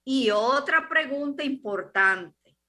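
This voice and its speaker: A woman hosting an interview and asking a doctor measured, drawn-out questions. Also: high voice, expressive, pushed and bright. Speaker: interviewer host.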